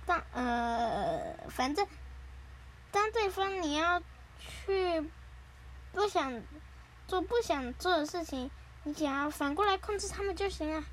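A woman voicing a calm, easygoing robot cat in a storytelling podcast, with a mild, drawn-out reassuring tone. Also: extremely high pitch, a little hiss or hum, full character voice, poor audio.

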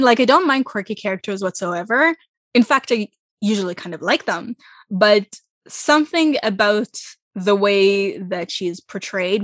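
On a casual podcast, a young Israeli woman co-hosts a discussion about a musical, chatting animatedly and laughing often, and she calls herself loud. Her voice is mid-range and the recording is dry.

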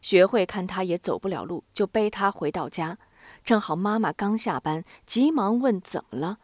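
A woman narrating a serialized novel in a calm, steady storytelling manner. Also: mid-range voice, normal speed, no room sound. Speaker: audiobook reader.

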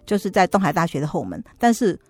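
Fast-talking Taiwanese woman telling a story. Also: on the low side, husky. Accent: Taiwanese Mandarin. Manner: lively storytelling, acts out quoted voices. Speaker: interview guest. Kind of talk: casual testimony storytelling.

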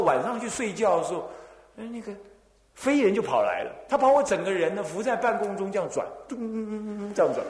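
A man from Taiwan, the abbot of a temple, giving a Buddhist dharma talk in a lively storytelling way, full of rhetorical questions and little chuckles. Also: high-pitched. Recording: echoey hall.

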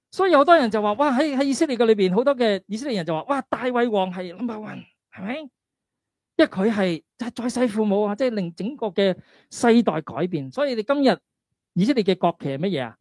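A male pastor gives a conversational sermon in a Hong Kong Cantonese accent. His voice sits fairly high for a man and has a very soft, mellow tone. He exhorts his listeners, often posing questions and checking that they follow. The recording is close and dry. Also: no echo. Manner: exhorting, asks rhetorical questions and check-in tags. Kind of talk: conversational sermon with scripture readings.

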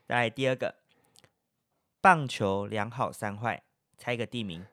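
A man's voice: lowish voice, measured pace, sharp tone, dry recording. Playful Taiwanese-accented man with a dry sound. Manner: playful, teasing. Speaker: co-host and quizmaster. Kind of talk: casual banter.

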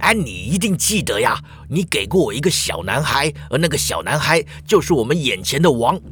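A shrewd messenger with a knowing smile, insistent and sure of himself, as a male storyteller puts him on. His pitch swings about freely. It is an audio storybook retelling. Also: very animated, a little fast, a bit bright, a little hiss or hum.

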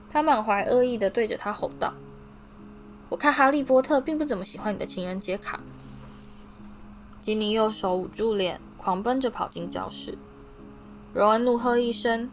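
Woman reading a storybook aloud. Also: a little high. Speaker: audiobook reader. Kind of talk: storybook narration.

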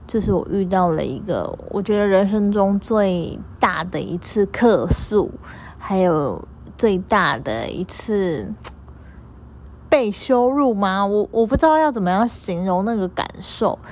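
A young woman, a store clerk telling her followers a story in a chatty, animated way and repeating things for emphasis. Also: mid-range voice, measured pace, slight background noise.

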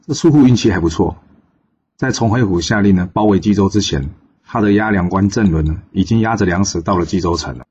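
A man's voice: low voice, fairly quick, a little mellow, husky, muffled recording. A man telling a classic tale in a casual, chatty storytelling manner with many fillers. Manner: chatty, filler-heavy narration.

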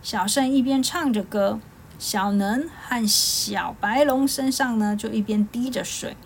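A woman narrating a children's story for a podcast, lively and full of drawn-out particles. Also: on the high side, a little hiss or hum.

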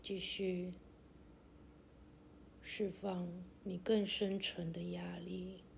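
A woman narrating a guided meditation like a sleep story, in a gentle, soothing, deliberate way with long pauses. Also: fairly low pitch, level tone, creaky, a little hiss or hum.

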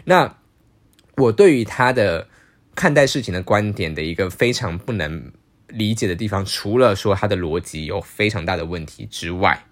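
A man's voice: sits low, expressive, normal speed. A man hosting a podcast monologue, explaining ideas in an exasperated, sarcastic lecturing way. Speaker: podcast host.

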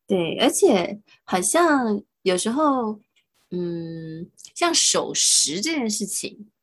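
A woman's voice: medium pitch, sing-song, slow pace, slightly rough, dry recording. A woman co-hosting a casual podcast chat, agreeable and chatty, often murmuring along as she listens. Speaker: podcast co-host.

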